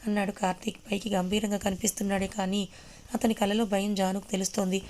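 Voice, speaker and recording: A woman narrating an audio story in a steady reading voice. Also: mid-range voice, fast talker, a little hiss or hum.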